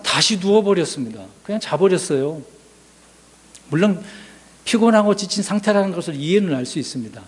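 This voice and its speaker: A man preaching a sermon as pastor, asking the congregation questions and swinging from loud emphasis to hushed asides. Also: sits high, lively intonation, brisk, slightly rough.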